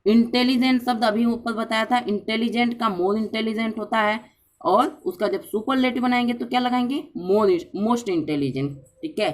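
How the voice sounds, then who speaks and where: A woman's voice: fairly high pitch, steady tone, normal speed. A woman explaining grammar in a patient lesson, often checking in with her listeners and repeating key points. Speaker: grammar teacher.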